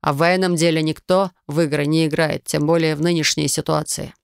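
A woman reading an audiobook and voicing a stern, dismissive male warlord with measured, clipped refusals in a dry, close sound. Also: deep voice, fairly even intonation, gravelly, clean tone, no echo. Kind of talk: audiobook narration.

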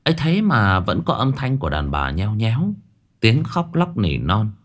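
Guy narrating a ghost story, lowish voice, dramatic, pitch jumping around a lot. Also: wildly swooping pitch, moderate pace.

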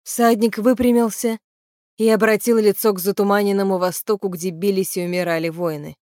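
A woman narrates a fantasy audiobook in a steady, even voice of middle pitch. The recording is dry and close, with no room sound around her. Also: brisk, no echo. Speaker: audiobook reader. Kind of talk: scripted narration of a fantasy novel.

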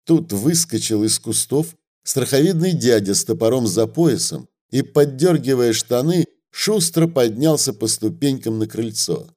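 A man reading a historical novel aloud in measured storytelling narration. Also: medium pitch, expressive, dark tone. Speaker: audiobook reader. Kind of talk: scripted narration.

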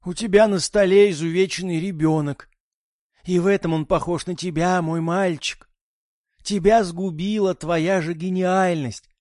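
A man voicing a weary, pious old father with a dry voice, quiet and reproachful. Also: high voice, steady tone, measured pace, no echo, pitched above the performer's own voice.

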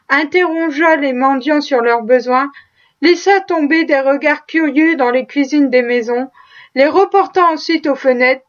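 Female audiobook narrator, high pitch, measured storytelling delivery, somewhat dull lo-fi recording. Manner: measured storytelling, lightly voicing characters. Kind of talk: audiobook reading of a classic tale.

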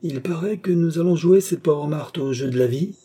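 A man's voice: on the high side, normal speed, dark tone, pitched above the performer's own voice. A man doing a mocking young villain. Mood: sneering. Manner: mocking, smoothly menacing.

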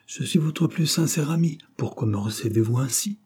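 A man's voice: medium pitch, lively intonation, normal speed, dark tone, slightly rough, pitched above the performer's own voice. A man reading aloud, voicing a jealous, passionate young man who pleads insistently. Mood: pleading.

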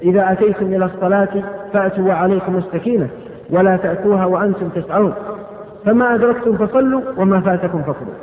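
A high-voiced man preaching at a religious question-and-answer lecture. He reads each question out and answers it with quick, firm rulings, talking fast. The sound is thin and phone-like, with a long echo from a large hall. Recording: echoey hall on tinny phone-band audio.

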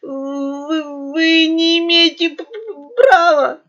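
A woman's voice: very high-pitched, steady tone, takes it slowly, fairly bright tone, voice pushed up, full character voice. A woman doing a sobbing cowardly pug merchant. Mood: terrified. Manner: stuttering, sobbing. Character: cowardly fat male pug merchant, whining. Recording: dull lo-fi recording.

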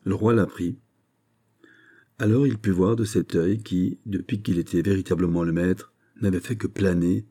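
Male audiobook reader, measured, deep dark husky voice. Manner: measured, steady reading. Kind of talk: scripted narration.

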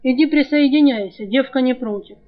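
A woman's voice: sits high, fairly quick, narrow, tinny audio, lightly acted. A woman reading a sneering scornful young man. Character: sardonic young man Alk, scornful shapeshifter.

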